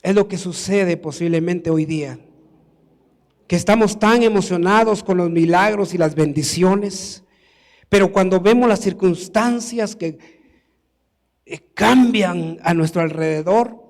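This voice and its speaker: A man's voice: high-pitched, measured pace, a little mellow, big-room sound. A man preaching a sermon in a church, emphatic and building to exclamations. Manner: emphatic, rises to exclamations and acted quotes.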